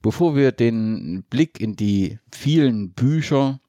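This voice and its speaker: A man introducing a podcast as its host, with a deliberate, halting delivery. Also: mid-range voice, animated, dark tone, no room sound.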